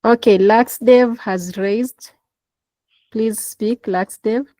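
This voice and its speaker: A woman's voice: on the high side, steady tone, very slow, warm tone, dry recording, rough recording. A woman leading an online class session over a laptop call, encouraging her listeners to take part. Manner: encouraging, prompting participation. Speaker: instructor. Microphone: laptop in a video call.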